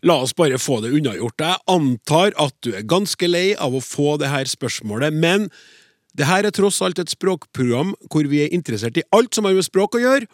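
A man's voice: a little high, lively intonation, no room sound, studio quality. Upbeat man hosting a radio show. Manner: playful, chatty, reads listener letters aloud. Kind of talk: hosted radio language program. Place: radio studio.

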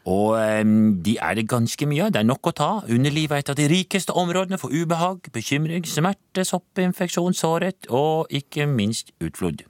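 Man as a smug deadpan host, high-ish voice with lively swings, dry studio sound. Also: few pauses, dry recording, lightly acted. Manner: deadpan, self-assured, rambling. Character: overconfident male interpreter and advice-show host, deadpan. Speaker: comic sketch interpreter and advice-column host. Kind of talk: deadpan sketch comedy.

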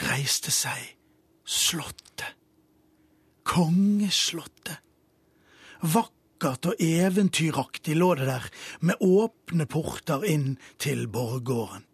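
A man narrating a satirical fairy tale in a playful, expressive radio reading. His voice is fairly high and a bit husky. It is a dry studio recording with faint music behind. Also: no room sound. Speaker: radio storyteller.

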